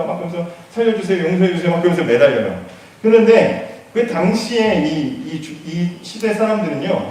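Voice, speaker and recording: Animated man preaching in an echoey room. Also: a little high, recorded from a distance. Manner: animated retelling that acts out the characters' lines. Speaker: pastor. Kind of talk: storytelling sermon.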